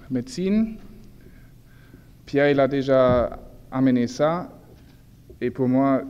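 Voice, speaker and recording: A man with a German accent, a native German speaker, gives an informal illustrated lecture in French, halting as he searches for words and corrects himself. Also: mid-range voice, a little mellow, dull audio. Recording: echoey hall with long reverb, background noise.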